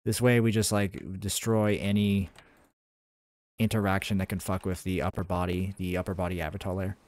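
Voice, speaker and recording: Low-voiced man rambling while coding. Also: level tone, moderate pace, a little mellow, no echo. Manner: thinks aloud, rambling with many fillers and restarts; answers chat messages between coding steps. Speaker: game developer streaming his work. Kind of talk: casual live-stream chat while coding.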